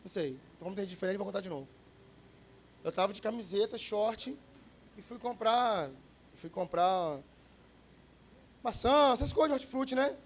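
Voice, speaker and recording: High-voiced male pastor preaching casually. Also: lively intonation, normal speed, pauses often, slight background noise. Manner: conversational, storytelling, joking with the congregation. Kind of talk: sermon.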